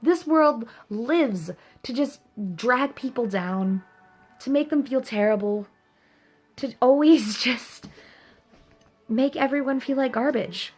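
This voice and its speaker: A woman's voice: high-pitched, slow pace, slightly rough. Earnest young woman vlogging, music behind. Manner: earnest, animated, chatty with laughs. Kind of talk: casual motivational talk to camera.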